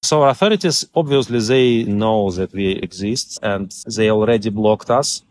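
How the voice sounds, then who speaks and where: Male interviewee, Russian accent, lower register, halting non-native phrasing, recorded outdoors with light background noise. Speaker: newspaper editor being interviewed. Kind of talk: interview conversation. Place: outdoor park bench.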